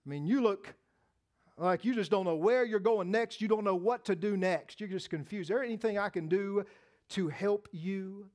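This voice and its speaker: A man's voice: high-pitched, normal speed, darkish tone, pitched below the performer's own voice, close to an everyday voice. A man voicing a concerned stranger who kindly offers help to a lost traveller. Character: worried helpful male stranger in wild country.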